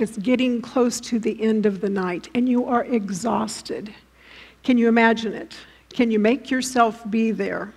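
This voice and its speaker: Woman preacher, fairly high voice, vivid storytelling sermon, lots of direct questions to listeners. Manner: vivid, inviting listeners to imagine scenes; asks the audience many direct questions.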